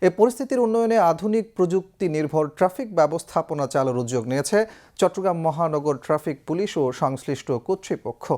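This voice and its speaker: A man news anchor introducing a report in a formal, even reading. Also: fairly high pitch, fast talker.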